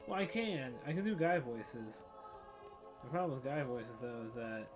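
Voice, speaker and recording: A let's play streamer chats casually while playing a video game, laughing often and rambling off into asides. His mid-range voice is animated at a moderate pace, and game music plays under his voice throughout this gameplay commentary.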